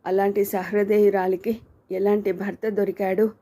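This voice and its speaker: A woman narrating a novel as an audiobook, telling the story in a steady, dramatic way. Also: mid-range voice, moderate pace.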